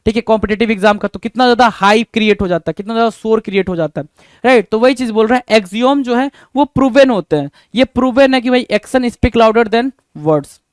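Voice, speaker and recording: Man teaching vocabulary, clear voice. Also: sits high, brisk, no room sound, studio quality. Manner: asks rhetorical questions and answers them himself, repeating key words. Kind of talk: exam-prep vocabulary lesson.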